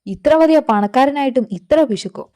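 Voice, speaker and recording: A man's voice: very high-pitched, expressive, moderate pace, darkish tone. A woman voicing a greedy, scheming middle-aged uncle who drinks, in a storybook narration. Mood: resentful.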